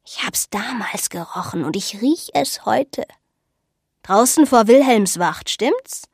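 A woman voicing an eerie old village woman who speaks in a slow, breathy whisper of omens. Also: on the high side, expressive, darkish tone, no echo, clean studio sound, full character voice. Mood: ominous. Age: over 60. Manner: slow, ominous, sniffing. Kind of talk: audiobook reading.

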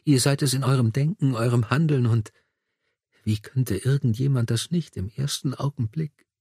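A man's voice: medium pitch, moderate pace, dark tone, slightly rough, no echo, studio quality. A man voicing a weak, feverish noblewoman who pleads in a breathless whisper, in an audiobook. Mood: tender. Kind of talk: audiobook dialogue.

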